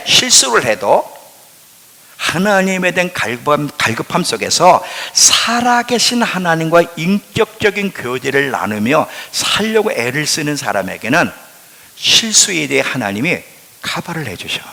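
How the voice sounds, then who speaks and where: A male pastor preaching a sermon, quizzing the congregation and answering himself, swinging between loud emphasis and hushed asides. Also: on the high side, big pitch swings, normal speed, vocal fry. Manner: asks the congregation questions and answers them himself. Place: church sanctuary. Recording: long hall reverb in a church.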